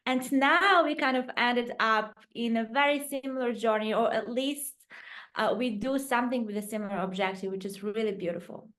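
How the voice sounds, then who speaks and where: Woman in her 30s from portugal, podcast guest, slightly high voice, thoughtful, lots of ums. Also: moderate pace, fairly bright tone. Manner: reflective, with frequent fillers and restarts. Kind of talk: casual interview storytelling.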